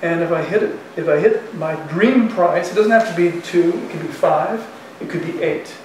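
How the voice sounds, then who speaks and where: With a slightly high, darkish voice at a moderate pace, a man in his sixties delivers an informal, conversational economics lecture, thinking aloud colloquially at a university chalkboard. The recording comes from a distant mic in an echoey classroom with faint noise.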